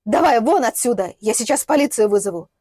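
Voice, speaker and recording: A furious young mother from an audiobook, shrieking and scornful, her voice pitched up and loud, as the narrator puts her on. The reading is dry and close-miked. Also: lively intonation, unhurried, husky, no room sound. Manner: shrill, scornful shouting.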